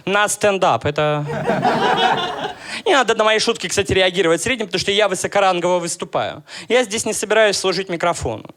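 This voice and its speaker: A man in his thirties from Russia, performing a stand-up comedy set with deadpan, ironic jokes and crowd work. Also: sits high, fairly quick. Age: 30s.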